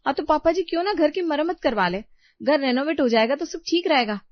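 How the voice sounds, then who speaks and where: A woman's voice: high-pitched, lively intonation, a little fast, no room sound, pitched above the performer's own voice. A woman as a put-upon young daughter-in-law. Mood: frightened. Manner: complaining, pleading. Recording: dull lo-fi recording.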